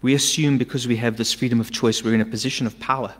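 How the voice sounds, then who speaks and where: A middle-aged man preaching a sermon from a church stage into a stand mic, emphatic, swinging between urgent loud lines and hushed asides. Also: medium pitch, fairly even intonation, fast. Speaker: pastor. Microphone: stand mic at a pulpit. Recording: long church-hall reverb.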